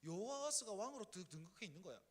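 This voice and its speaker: Animated Gyeongsang pastor preaching. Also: male voice, high voice, quick pace. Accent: Gyeongsang Korean. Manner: animated storytelling, acting out scenes. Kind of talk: sermon. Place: church sanctuary. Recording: echoey church hall.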